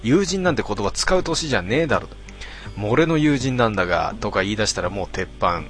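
A man casually reading out listener posts and answering each one with dry, deadpan remarks. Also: on the low side, a little fast, faint music behind. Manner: deadpan, wry retorts between readings. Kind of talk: casual commentary reading comments.

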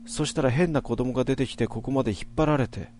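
A man voicing a frightened young schoolgirl, tearful and rushing through her words in a shaky, pleading way. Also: medium pitch, darkish tone, a little hiss or hum, voice pushed up, close to an everyday voice.

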